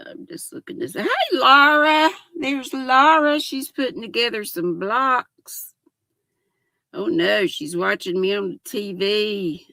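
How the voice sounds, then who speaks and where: An older woman hosts a casual livestream, chatting in a folksy way and giggling while reading viewer comments aloud. Her mid-range voice sounds bright and forceful on a dry recording.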